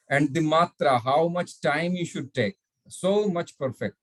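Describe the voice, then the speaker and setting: A man's voice: on the high side, drawn-out words, no echo. A man teaching a beginners' Sanskrit class, mixing Hindi and English, patiently repeating and spelling out each letter sound. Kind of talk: slow online lesson mixing Hindi and English.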